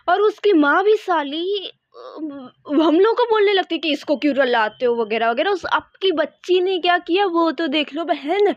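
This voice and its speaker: A young woman tells a casual storytime in a high, lively voice, restarting phrases and slipping in English. The recording is dry and a little dull, like a basic phone or webcam mic. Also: no room sound. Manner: animated, code-mixing Hindi with English, frequent restarts.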